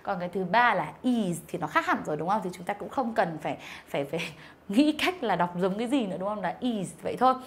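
A woman's voice: mid-range voice, animated, slight background noise. Patient woman teacher explaining sounds. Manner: explains patiently, with many fillers and tag questions to pupils; models English sounds slowly and carefully. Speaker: English teacher. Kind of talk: online lesson.

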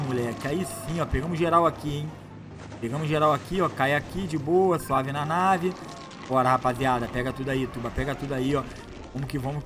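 A young man giving excited, heavy gameplay commentary. He repeats phrases and calls out to his viewers. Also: a little high, background noise. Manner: hyped, slangy, repeats phrases, shouts at the screen. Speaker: gameplay youtuber.

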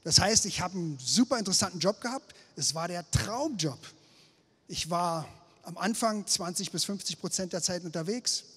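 A middle-aged man from Berlin telling a lively, self-mocking story about his career on stage, speaking into a handheld microphone. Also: sits high, breathy edge. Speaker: speaker at a failure-story night. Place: indoor event stage before an audience. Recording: long hall reverb of an event space.

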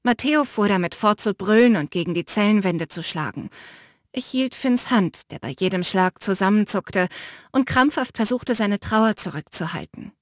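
A woman reads a first-person fantasy story in a measured, expressive voice at a middle pitch. She narrates close to a studio mic. The sound is dry, with no room. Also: no room sound. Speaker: audiobook narrator.

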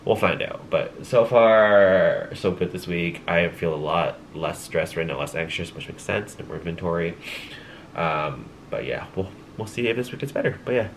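This young man, a vlogger, rambles chattily to his camera from a small home room at night, laughing lightly and saying um a lot while sounding congested and tired. His voice sits low with lively intonation at a normal speed. The low-quality recording has slight background noise.

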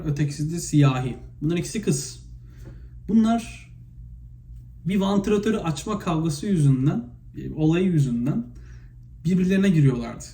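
Chatty man vlogging in an echoey room. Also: a little high. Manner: chatty, animated retelling with many fillers. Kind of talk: casual spontaneous monologue. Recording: echoey room, faint background noise.

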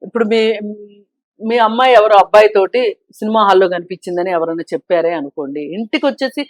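A woman speaks as a talk-show guest, pressing her argument and firing off rhetorical questions. Her voice sits at an average pitch. It is recorded dry and close, with almost no room sound. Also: fast talker, no echo. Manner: emphatic, argues with rhetorical questions. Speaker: social commentator guest. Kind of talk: opinionated talk-show discussion.

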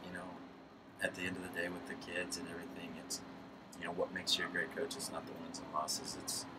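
A man in his thirties, a high school baseball coach, talking casually in a postgame interview from a press box, with many restarts. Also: level tone, quick pace. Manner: casual, rambling with restarts and laughs. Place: press box above a lit ballfield at night. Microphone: headset mic. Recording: distant mic with background noise.

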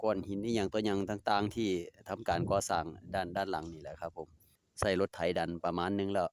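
A man's voice: sits low, steady tone, fast, clean tone. A man with an Isan accent, chatting casually and politely while doing DIY work in his yard. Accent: Isan (Northeastern Thai). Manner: easygoing, chatty, polite particles, talks to his dogs. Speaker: DIY vlogger. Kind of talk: casual narration while working outdoors. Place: outdoor home yard.

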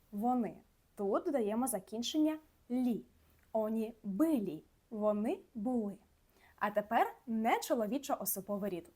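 A woman teaching a scripted grammar lesson, slowing down to enunciate each example word carefully. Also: on the high side, a little mellow, breathy edge. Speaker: language teacher.

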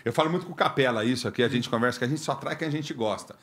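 Joking middle-aged Brazilian podcast host. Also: male voice, medium pitch, racing. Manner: jokey, banters with guest. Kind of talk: casual interview. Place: podcast studio. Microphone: studio mic on stand.

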